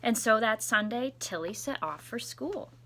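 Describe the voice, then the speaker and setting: A woman teacher reading a story aloud to children with expressive, deliberate phrasing. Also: a little high, noisy background.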